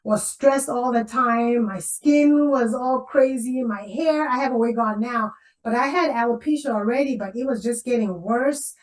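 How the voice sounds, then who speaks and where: A woman in her forties, a guest in a casual interview over a video call, animated and laughing often, repeating phrases for emphasis. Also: fairly high pitch, moderate pace, low-quality recording. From Zambia.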